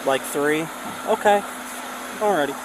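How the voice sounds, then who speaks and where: A male police officer with a slightly high voice, recorded on a body camera outdoors. He gives step-by-step instructions and questions, checking for agreement, over clear background noise. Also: a little slow. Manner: procedural, checks understanding with "okay?" and "all right?". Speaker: police officer at a traffic stop. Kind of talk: body cam audio of procedural questioning and instructions. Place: outdoors at a roadside traffic stop. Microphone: body-worn camera. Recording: noisy body camera audio, outdoor vehicle hum.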